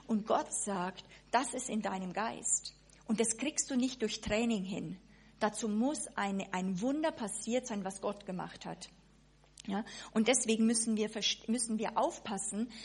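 Husky-voiced woman preaching. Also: fairly high pitch. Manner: lively, with many restarts and acted-out asides. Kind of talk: sermon.

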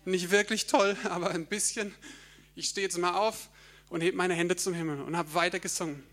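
A young man tells his testimony to a church audience. His voice sits high and sounds bright and forward. He tells the story vividly, laughs at himself and sometimes sings short bits of hymns. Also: fairly even intonation, moderate pace. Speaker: church speaker sharing a testimony. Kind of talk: personal testimony in a church talk.

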